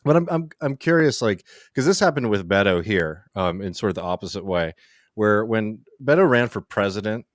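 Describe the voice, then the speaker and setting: A man with a very low voice co-hosts a political podcast. He talks casually and rambles, leaning on fillers. The sound is dry and close. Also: lively intonation, moderate pace, no echo. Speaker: podcast co-host.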